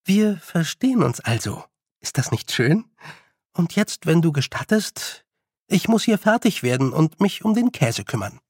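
A man voicing a calm, firm young witch girl. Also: on the high side, measured pace, husky, no echo, studio quality, voice pushed up, heavily acted. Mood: sweetly menacing. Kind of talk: audiobook character voice.

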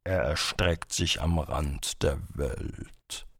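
A deep, rumbling sea troll, speaking very slowly with a husky, gravelly rasp. He stays cool and unhurried, and the voice is close and dry. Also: no echo, heavily acted. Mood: calm, ominous. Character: deep, cold sea troll, calm and matter-of-fact. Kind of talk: audiobook reading.

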